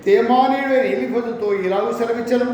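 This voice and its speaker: A man's voice: very high voice, brisk, darkish tone, slight background noise. A man preaching a sermon, emphatic and repetitive, firing off rhetorical questions. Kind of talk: Telugu church sermon on Job. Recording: echoey church hall from far off.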